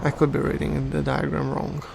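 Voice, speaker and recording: A man giving casual video game commentary in a halting, hesitant way, as the host of a channel. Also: a little high, completely flat delivery, gravelly, background noise.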